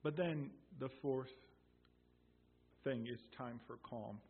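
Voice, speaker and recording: Guy preaching a sermon, slow and emphatic, husky, sounds like a phone line. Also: medium pitch. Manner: emphatic, swelling loud on key phrases, quotes scripture slowly.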